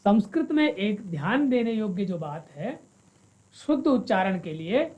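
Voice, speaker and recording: A woman teaching a Sanskrit lesson, reciting verses slowly and spelling out each syllable. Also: mid-range voice, sing-song, a little mellow, muffled recording. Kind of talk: classroom lesson with slow recitation.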